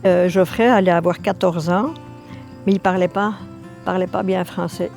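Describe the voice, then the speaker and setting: An older woman from Belgium, telling her immigration story in a documentary with lively, repetitive emphasis. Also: fairly low pitch, normal speed, creaky, soft background music. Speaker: interviewee. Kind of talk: documentary testimony.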